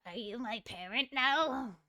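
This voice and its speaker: A woman playing in an online tabletop game, speaking in a deadpan, drifting way. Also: a little high, measured pace, dry recording, studio quality. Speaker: player. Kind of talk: casual tabletop play.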